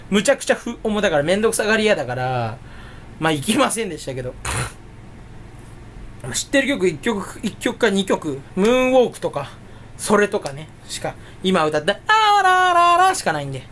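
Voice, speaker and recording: Solo YouTuber man, self-mocking rambler, very lively pitch, faint hiss behind. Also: normal speed. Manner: rambling and self-mocking, jumping between topics. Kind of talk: casual solo chat.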